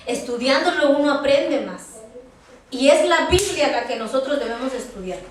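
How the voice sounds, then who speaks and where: A woman preaching a sermon, emphatic, rising to high pleading tones when she quotes people. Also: lively intonation, normal speed. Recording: echoey hall from far off, faint noise.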